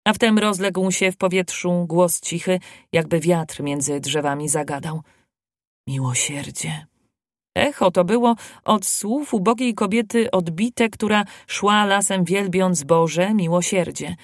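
A narrator reading a fairy tale aloud in a measured, expressive way. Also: medium pitch, dry recording, studio quality. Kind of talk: storybook reading.

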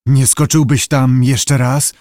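A man's voice: fairly high pitch, expressive, a little slow, darkish tone, no room sound, clean studio sound. Man doing a curt old sea captain. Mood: gentle. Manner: curt, commanding. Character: gruff middle-aged male ship captain.

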